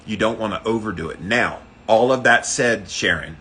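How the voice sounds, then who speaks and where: A man's voice: lowish voice, normal speed, bright, forceful tone. A man hosting a livestream, chatting casually and explaining things informally to his viewers. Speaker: livestream host doing a daily ice bath challenge. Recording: faint background noise.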